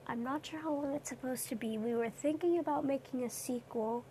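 A woman's voice: high-pitched, a little fast, mellow, a little hiss or hum. A young woman streamer rambling hesitantly in a casual late-night chat, with lots of fillers.

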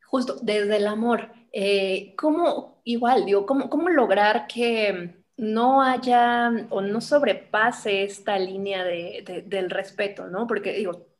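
Woman asking a halting question. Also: medium pitch. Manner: hesitant, rephrasing as she asks. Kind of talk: interview question.

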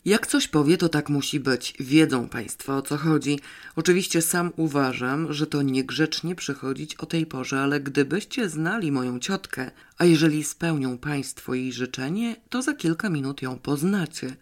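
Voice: medium pitch, moderate pace, natural voice. A reader voicing a flustered, talkative young man who rambles and apologizes. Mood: apologetic, eager. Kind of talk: audiobook character voice.

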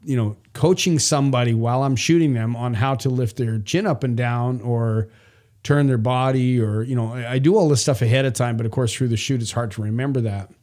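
A man's voice: medium pitch, a little fast, a little mellow. Rambling retired photographer, a man. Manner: rambling, many restarts and fillers. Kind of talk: casual conversation.

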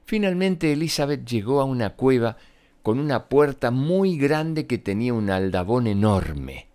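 An animated male storyteller. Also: medium pitch, a little slow. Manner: animated and expressive, addressing children. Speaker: children's storyteller. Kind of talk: storybook reading for children.

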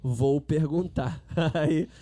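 A man telling an animated party story in a casual chat, laughing as he goes. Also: a little high, very slow.

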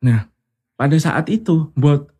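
Male interview guest, husky, animated storyteller who mimics the people he quotes. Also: on the high side, slow pace. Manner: animated, acts out quoted voices. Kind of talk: casual storytelling.

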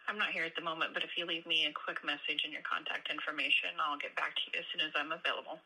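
A woman's voice: sits low, little pitch movement, quick pace, bright, forceful tone, husky. A woman's recorded voicemail greeting from a sheriff's office, played back over a phone line, polite and businesslike. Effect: voicemail greeting heard over a phone line.

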